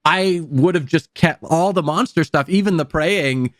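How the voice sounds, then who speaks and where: A man's voice: fairly high pitch, unhurried, no room sound, studio quality. A man co-hosting a casual movie podcast, thinking aloud in a laid-back way with some hesitations.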